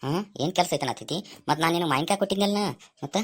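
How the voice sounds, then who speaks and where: A woman playing a scheming young village guy in a comic skit, with a North Karnataka Kannada accent and rapid, scolding banter. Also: on the low side, close to an everyday voice.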